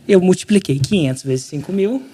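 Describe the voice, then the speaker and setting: Brisk and high-voiced, a man from Brazil tells an animated story as a podcast guest, using slang freely and acting out the things people said in easygoing conversation.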